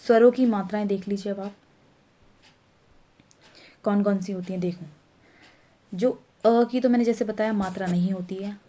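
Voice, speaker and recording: A woman's voice: mid-range voice, dark tone. A woman teacher patiently explaining letters to young pupils, repeating herself and correcting small slips. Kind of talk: Hindi grammar lesson for young pupils.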